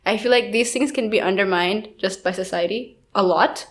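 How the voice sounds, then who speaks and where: A young woman from India co-hosting a casual podcast. Her voice sits in a middle range. She talks in a chatty, relaxed way and often says "like.". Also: mid-range voice, normal speed. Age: young adult. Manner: chatty, lots of "like" and "I feel like". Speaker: podcast co-host.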